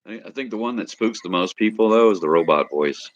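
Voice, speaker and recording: A man's voice: lowish voice, a little fast, dry recording, muffled recording. A man, a guest on a live stream, chatting casually and talking up the voices he can do. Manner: chatty, boastful about doing voices. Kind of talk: casual chat.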